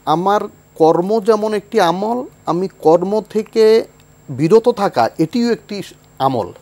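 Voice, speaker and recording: A male Islamic scholar, a guest on a television talk show, speaking in a somewhat high voice. He explains ideas thoughtfully and recites Arabic phrases with care. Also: a little mellow. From Bangladesh. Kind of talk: explanatory religious discussion.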